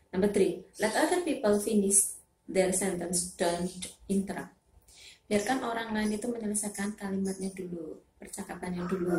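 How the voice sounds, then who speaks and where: A woman's voice: medium pitch, a little mellow. Echoey teacher woman, bilingual lesson. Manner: explains in Indonesian, repeats English phrases. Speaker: English teacher.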